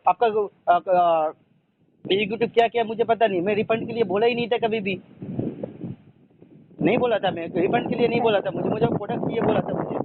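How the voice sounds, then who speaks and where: A man's voice: high-pitched, a little fast. A man calling customer support, frustrated and insistent, repeating himself as he complains. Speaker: customer caller. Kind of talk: phone complaint call. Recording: tinny phone line with faint noise.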